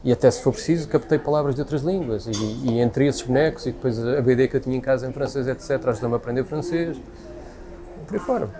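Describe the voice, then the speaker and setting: Talking quickly in a mid-range voice, a man with a European Portuguese accent offers his views in conversation. His speech is spontaneous, emphatic and repetitive.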